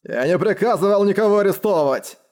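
A man voicing a burly, hungover count who bellows gruffly and commandingly in an audiobook. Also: on the high side, very animated, brisk, darkish tone, voice pushed up. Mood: bellowing. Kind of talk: audiobook character voice.

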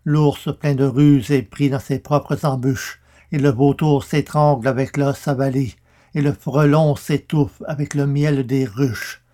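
A man's voice: medium pitch, steady tone, a little slow, dark tone, close to an everyday voice. A man voicing a wrathful old prophet, declaiming curses in solemn, thundering verse.

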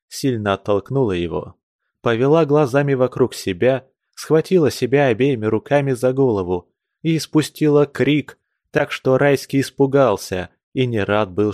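A man narrating a classic novel in a steady, measured reading. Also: mid-range voice, no echo, studio quality. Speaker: reader.

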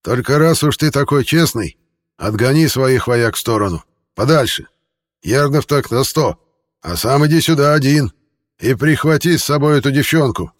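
A man voicing a hoarse, sly, reclusive rancher who mocks and threatens his visitors. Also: mid-range voice, animated, moderate pace, in a large hall, pitched above the performer's own voice, close to an everyday voice. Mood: sly, threatening. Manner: mocking, drawling, menacing.

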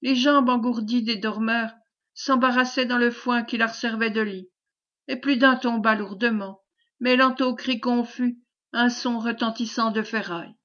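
A woman reads a classic novel aloud in a measured, expressive style. Her voice sits somewhat high, and the recording is dull and lo-fi. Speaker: audiobook reader. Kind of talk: audiobook narration of a classic novel.

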